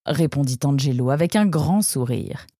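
A woman narrating a children's audiobook in a gentle storytelling manner. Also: a bass voice, expressive, normal speed, no echo, clean studio sound.

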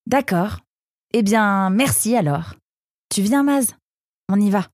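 A woman's voice: mid-range voice, expressive, slow, darkish tone, dry recording, clean studio sound, pitched above the performer's own voice. A woman voicing a shy, earnest young male storybook animal who speaks hesitantly and politely. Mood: timid polite.

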